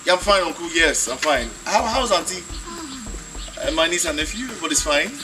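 A polite, nervous young nephew, played by a man, stumbling over his words. His voice sits a little high, and music plays clearly behind him. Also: lively intonation, fairly quick, recorded from a distance, natural voice. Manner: stammering, polite.

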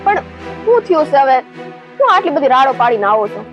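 A woman's voice: sits high, big pitch swings, brisk, lo-fi sound, soft background music. A young woman, acting as a daughter-in-law who protests and pleads in a village family drama.

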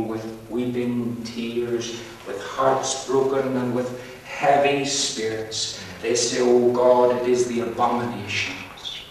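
A man's voice: medium pitch, slight background noise. A man preaching a fervent sermon in repetitive, biblical phrasing. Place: church meeting hall. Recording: echoey church hall, voice far from mic.

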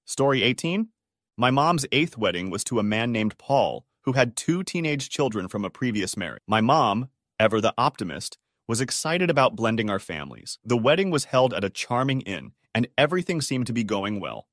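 A man's voice: mid-range voice, big pitch swings, normal speed, fairly bright tone, no room sound, clean studio sound. A man reading out dramatic stories as a storyteller. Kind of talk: scripted story narration.

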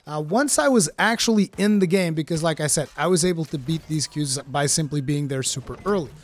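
This gaming streamer from Portugal has a fairly high voice and speaks a little fast, with an English accent that sounds American. He chats casually about his first impressions of a game, dropping in plenty of fillers as he reviews it.

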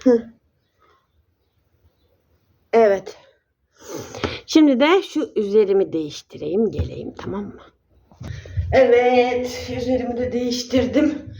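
A woman's voice: a little high, expressive, takes it slowly, long pauses, warm tone, dull audio, slight background noise. A woman chatting casually in a vlog, affectionately calling her viewers dear ones. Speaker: vlogger.

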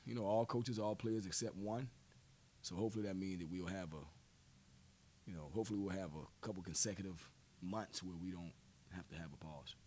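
A man in his forties answers reporters after a game, seated at a table mic in a press room. His voice sits on the low side, and he talks in measured phrases, repeating words and leaning on fillers. A faint rumble runs underneath. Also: darkish tone. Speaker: head basketball coach. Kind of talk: post-game press conference. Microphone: table mic on stand.

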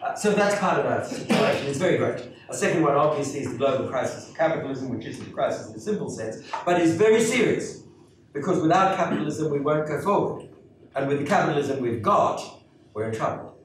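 A man's voice: fairly high pitch, lively intonation, a little fast, a little hiss or hum. Emphatic older man lecturing. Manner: emphatic, sweeping, sardonic asides. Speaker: keynote speaker. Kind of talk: academic lecture. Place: lecture hall with wood paneling and small audience. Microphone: lectern microphone, recorded from a distance. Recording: echoey hall, distant mic.

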